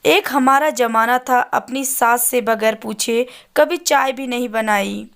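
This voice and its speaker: A woman's voice: on the high side, takes it slowly, creaky, a bit bright, exaggerated voice. A woman voicing a bossy, irritable middle-aged mother-in-law in a storybook, scolding and complaining. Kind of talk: storybook character voice.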